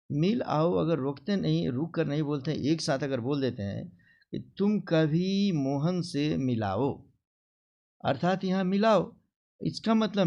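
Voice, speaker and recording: A man teaching a grammar lesson to children, explaining slowly and acting out example phrases in a sing-song way. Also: fairly high pitch, vocal fry, a little mellow, dull audio.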